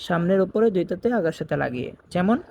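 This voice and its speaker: A man teaching Quran reading, slowly repeating each Arabic letter sound and explaining where in the mouth it is made. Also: high voice, expressive, vocal fry, mellow, muffled recording, slight background noise. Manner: chants the Arabic opening phrases in a drawn-out sing-song.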